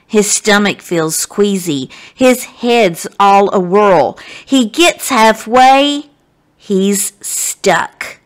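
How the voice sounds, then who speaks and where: Extremely slow and mid-range in pitch, a woman's voice reads a children's story aloud. She's a guest reader, dramatic and expressive, who turns to address her listeners directly.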